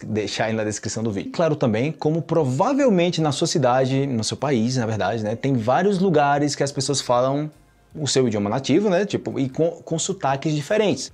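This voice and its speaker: A man with a Brazilian Portuguese accent teaching a casual online Portuguese lesson, chatty and relaxed, tagging sentences with "né?" and "ok?". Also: medium pitch, husky. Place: Medellín, Colombia.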